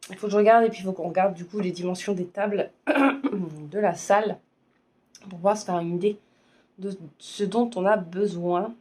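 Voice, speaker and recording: A woman in her thirties from France with a sore, hoarse throat, chatting casually as a vlogger and hesitating often. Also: medium pitch, steady tone, moderate pace, darkish tone. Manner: hesitant, many fillers. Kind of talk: casual chat.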